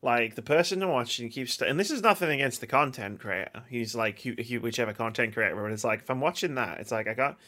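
Bright, tense-toned podcast co-host who laughs a lot and swears casually. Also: mid-range voice, quick pace, few pauses. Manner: laughs often, swears, animated storytelling.

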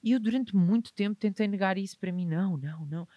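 A man in his twenties speaks with a European Portuguese accent, mid-pitched and frank. He stresses his points hard and now and then breaks into laughter. The sound is dry and close. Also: quick pace, mellow, no room sound, highs cut off. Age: 20s. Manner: emphatic, open and reflective, with sudden laughs. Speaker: guest entrepreneur. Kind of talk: candid podcast conversation.

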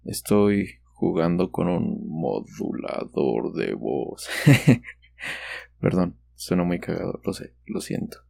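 Mexican guy on a podcast, voice all warped by a voice changer, low gravelly and slow, rambly slangy talk. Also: expressive, darkish tone, no echo. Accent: Mexican Spanish. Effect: voice changer warping the voice. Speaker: podcast host. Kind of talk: casual solo podcast chat.

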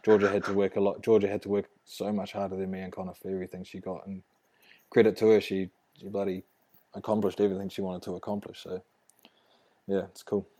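A man's voice: low-pitched, little pitch movement, quick pace, warm tone. A young man with a broad New Zealand accent, chatting casually and slangily as an interview guest. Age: young adult. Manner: laid-back, slangy. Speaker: interview guest, rugby player. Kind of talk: casual chat.

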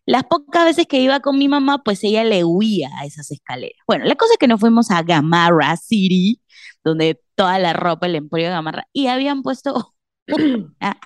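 A woman's voice: mid-range voice, moderate pace, no room sound. Woman, Peruvian accent, thirties, podcast co-host, storytelling, laughs a lot, dry close recording. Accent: Peruvian Spanish. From Peru. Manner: animated storyteller, laughs often. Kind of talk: casual chat.

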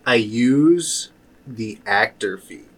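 A man's voice: medium pitch, expressive, very slow, far from the mic. A man playing a tabletop game, talking through rules and rolls in casual chat.

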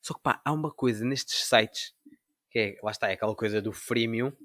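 A man's voice: fairly low pitch, brisk, bright, forceful tone, no echo, studio quality. A young man with a European Portuguese accent, chatting casually in slangy, rambling anecdotes and acting out imagined dialogue.

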